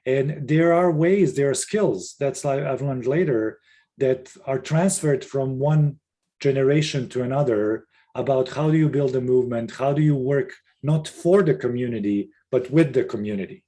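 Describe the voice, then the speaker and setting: Middle-aged Serbian-born man, mellow voice, earnest webinar panelist, video call. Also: mid-range voice, normal speed. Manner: earnest, with frequent restarts and fillers. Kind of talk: casual webinar talk.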